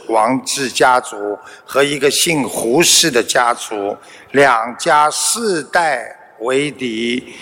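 A man giving a Buddhist sermon, telling a parable in a slow, measured way. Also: on the high side, pushed and bright, in a large hall. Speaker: Buddhist teacher.

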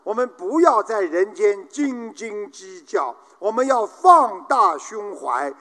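A man preaching a Buddhist sermon at an unhurried pace, his pitch rising and falling widely. His voice sits fairly high for a man, and a long reverb trails his words through a large hall. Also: lively intonation, pushed and bright. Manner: slow, measured preaching, acting out joke characters. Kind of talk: sermon with jokes.

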